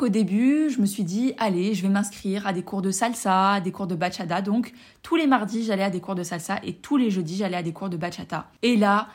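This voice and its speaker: A woman's voice: medium pitch, a little mellow. A woman from France hosting a casual personal podcast, chatting enthusiastically and speaking straight to her listeners. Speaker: podcast host and coach.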